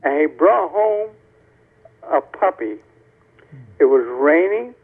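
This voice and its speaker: Calling in to a TV show over a tinny, clipped phone line, a man from Tampa, Florida, tells a rambling, casual story and corrects himself as he goes. His voice sits on the high side, husky and animated, and he speaks slowly.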